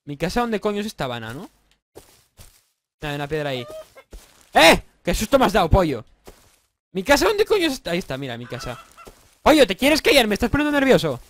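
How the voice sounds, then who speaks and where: A man's voice: sits high, a little fast, pauses often. A young man from Spain with a Spanish accent, giving casual let's-play commentary, joking and swearing, a little congested with a sore throat. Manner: excitable, swearing, joking, bursts into yells. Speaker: gaming YouTuber.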